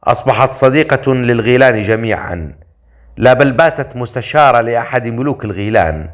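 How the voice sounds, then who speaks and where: A man voicing a stern, confident male leader in an audiobook story, with a dry, measured delivery. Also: medium pitch, animated, lightly acted. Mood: teasing. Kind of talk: audiobook character voice.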